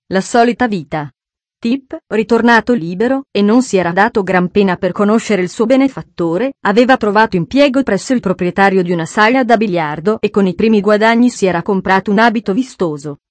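Woman calmly reading a classic novel. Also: medium pitch, no room sound. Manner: measured, steady storytelling. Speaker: narrator. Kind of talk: audiobook narration of a classic novel.

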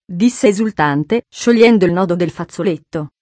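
A woman narrating an audiobook in a measured, expressive storytelling voice. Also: fairly low pitch, no room sound.

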